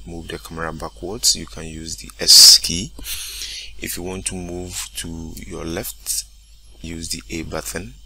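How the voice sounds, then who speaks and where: A man walking through a software tutorial step by step, often saying "okay, great" between steps. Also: deep voice, a little hiss or hum. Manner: steady step-by-step explaining, repeats "okay, great". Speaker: instructor. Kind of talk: screen-recorded software tutorial.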